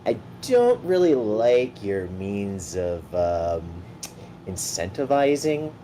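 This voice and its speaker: A man's voice: lowish voice, big pitch swings, takes it slowly, warm tone, slight background noise. A man playing a tabletop game, speaking hesitantly and trailing off. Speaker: player. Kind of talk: tabletop role-play in character.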